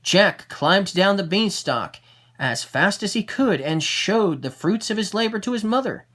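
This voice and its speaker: A storyteller reading a fairy tale aloud, expressive, with the odd small slip and restart. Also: medium pitch, measured pace.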